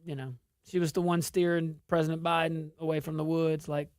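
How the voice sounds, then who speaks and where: A woman's voice: deep voice, level tone, brisk, a little mellow, dry recording, studio quality. A woman with an Arkansas Southern accent giving informal political commentary, emphatic and repeating phrases for stress.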